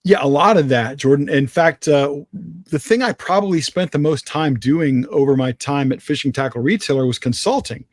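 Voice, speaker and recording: A man guesting on a podcast, talking in an energetic, self-assured, joking way about his business. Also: a little high, normal speed. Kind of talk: casual interview chat.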